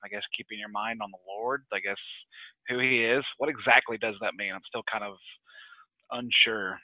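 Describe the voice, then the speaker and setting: A man's voice: on the low side, steady tone, moderate pace, dry recording. Unsure male caller, thin phone-line sound, dead dry audio. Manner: hesitant, questioning. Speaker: group member asking a question. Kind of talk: casual group discussion.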